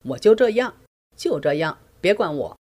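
A woman voicing her indignant elderly husband, stubborn and touchy, with loud, huffy retorts. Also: sits high, very animated, moderate pace.

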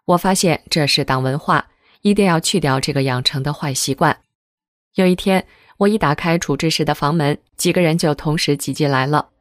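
A woman reading a first-person article aloud in a steady, measured way. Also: low voice, no room sound, clean studio sound. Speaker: article reader. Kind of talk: scripted reading of a testimonial article.

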